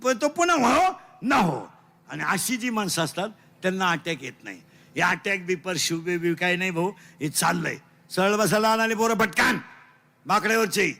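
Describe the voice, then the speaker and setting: A Marathi preacher with a very high, bright, cutting voice. He delivers a comic sermon loudly, teases his listeners and quizzes them in call-and-response, dropping in broken English phrases. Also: normal speed, gravelly. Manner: loud, teasing, quizzes the crowd in call-and-response. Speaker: kirtan preacher.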